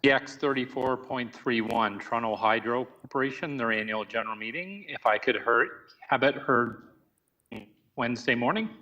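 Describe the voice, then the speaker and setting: A man's voice: medium pitch, moderate pace, bright, forceful tone, highs cut off. A man, a city councillor, speaking formally in a meeting over a remote call whose audio keeps cutting out, so he repeats himself when he is not heard. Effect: glitchy audio cutting out over a remote call. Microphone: remote video call. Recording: distant glitchy call audio.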